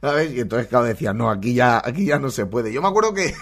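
A man's voice: mid-range voice, big pitch swings, fast talker, creaky, a bit bright. A man from Valencia, hosting and reacting to clips with casual, colloquial, joking commentary, often laughing. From Valencia, Spain. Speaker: podcast host reacting to clips.

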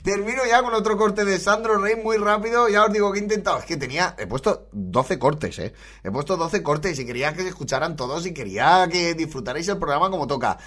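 Brief: high-pitched male comedy podcast host, rambling, laughs often. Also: fairly quick. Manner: laughs a lot, excitable rambling commentary. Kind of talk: comedy podcast commentary on clips.

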